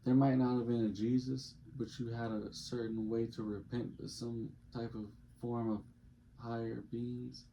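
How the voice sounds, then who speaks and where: A man's voice: mid-range voice, little pitch movement, a little slow, gravelly, mellow. A man hosting a casual podcast chat, talking in a blunt, profane way. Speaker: podcast host. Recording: muffled, noisy recording.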